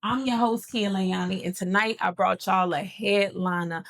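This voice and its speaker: A woman's voice: medium pitch, steady tone, normal speed, a bit bright, no room sound. A woman hosting a casual interview, hyped and encouraging, talking in a slangy way. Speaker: host.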